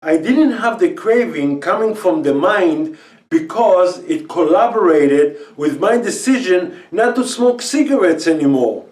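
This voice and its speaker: Recorded from some distance in a roomy space, a middle-aged Israeli man, a native Hebrew speaker, earnestly recounts quitting smoking to pitch a quit-smoking program. His English is slightly non-native, and his high, darkish voice is animated but a little slow.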